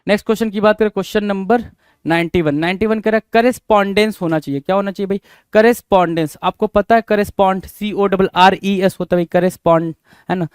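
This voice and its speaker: A man's voice: high-pitched, fairly even intonation, fast talker, clean tone, dry recording, clean studio sound. A man teaching an exam-prep spelling lesson, drilling each word by spelling it letter by letter and asking the class rhetorical questions.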